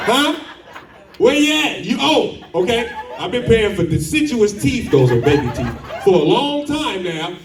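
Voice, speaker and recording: Loud, animated man doing stand-up. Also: very high voice. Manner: loud, profane, animated storytelling. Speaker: stand-up comedian. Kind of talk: stand-up comedy set. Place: comedy club with live audience. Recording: echoey club, distant mic, crowd laughter.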